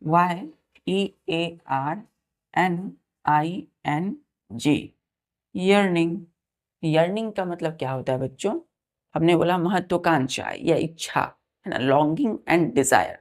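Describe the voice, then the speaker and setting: A woman teaching a vocabulary lesson, slowly spelling words out letter by letter and often asking her students whether it is clear. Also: on the low side. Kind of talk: classroom lesson.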